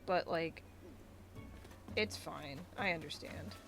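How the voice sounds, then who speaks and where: A woman's voice: sits low, takes it slowly, over music. A woman streaming a game, chatting casually and ranting in a rambling way with lots of filler words. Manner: rambling, ranty, many filler likes. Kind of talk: casual gaming livestream commentary.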